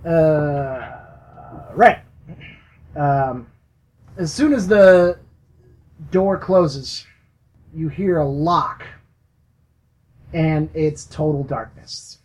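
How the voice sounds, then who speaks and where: A game master narrating a tabletop role-playing game for a podcast, in slow, halting speech full of fillers. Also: medium pitch, animated, darkish tone, low-quality recording.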